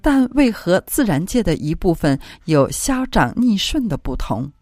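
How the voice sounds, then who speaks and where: A woman reading a religious classic aloud as an audiobook, with solemn, devotional and expressive phrasing. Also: mid-range voice, unhurried, no echo. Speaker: audiobook reader. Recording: dry close recording with faint music.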